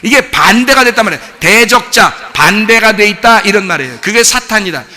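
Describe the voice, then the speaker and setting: A man preaching a sermon as pastor, animated, asking the congregation rhetorical questions. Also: sits high, a little fast. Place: church sanctuary. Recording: long church reverb.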